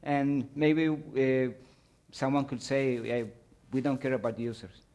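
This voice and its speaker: Halting man giving a slide talk. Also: medium pitch, steady tone, darkish tone. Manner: halting, searching for words. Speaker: conference presenter. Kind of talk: technical presentation with slides.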